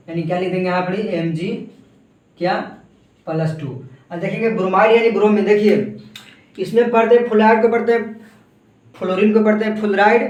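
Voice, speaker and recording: High-voiced man lecturing in an echoey room. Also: recorded from a distance. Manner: repeats rhetorical questions and answers them himself. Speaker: chemistry teacher. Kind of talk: classroom lecture.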